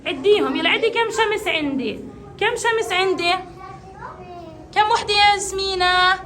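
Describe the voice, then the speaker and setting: A woman's voice: extremely high pitch, moderate pace, sharp tone, slight background noise. A woman teaching a classroom of young children to count, coaxing and praising each child in turn. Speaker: kindergarten teacher.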